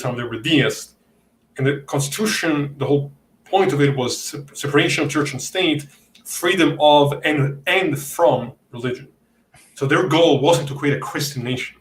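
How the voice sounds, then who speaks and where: An Italian man with an Italian accent hosts a casual debate podcast, speaking bluntly and heatedly with some profanity aimed at opponents. His mid-range voice comes through reverberant, with a little hiss or hum and poor audio.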